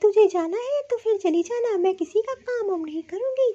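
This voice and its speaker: A woman's voice: very high voice, very animated, moderate pace, dark tone, muffled recording. A woman voicing a sulky, short-tempered young daughter-in-law in a cartoon, talking in an irritable, complaining way. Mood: irritated. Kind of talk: cartoon voice acting.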